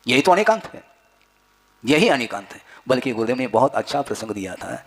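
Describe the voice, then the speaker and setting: A man's voice: medium pitch, big pitch swings, fairly quick, a bit bright. A man giving a spiritual discourse as a wise religious teacher, instructing his listeners with rhetorical questions and repeated phrases.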